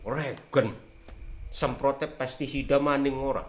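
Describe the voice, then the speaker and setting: An older storyteller sits on a sofa in a small room with a green backdrop, rambling casually through herbal folk lore with emphatic swings in loudness. His mid-range voice is steady and a little slow, and the recording has a roomy echo with faint hiss.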